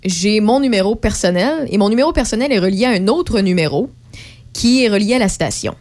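A woman from Quebec with a Québécois accent, hosting a radio show in a chatty, rambling way, filling pauses with lots of hesitations. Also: medium pitch, lively intonation, a little mellow. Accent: Québécois French. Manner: chatty and rambling, many fillers. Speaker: radio host. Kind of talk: casual radio chat.

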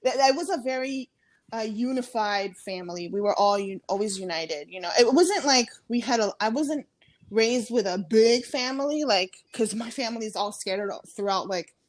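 A woman in her thirties from Ecuador, a comedian, chats casually as an interview guest, full of fillers and restarts. Her voice sits on the high side and sounds animated, at a normal speed with no room sound.

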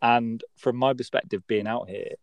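A man's voice: medium pitch, moderate pace, no room sound. A young man with a West Country English accent chatting casually and telling anecdotes in informal British slang. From West Country, England. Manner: informal British slang, dragged-out long A vowels. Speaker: podcast speaker.

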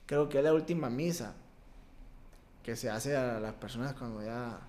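A young man from Mexico, a baseball player, telling a personal story as a podcast guest, with an emotional, halting delivery and many restarts. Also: mid-range voice, darkish tone. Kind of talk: casual interview storytelling.

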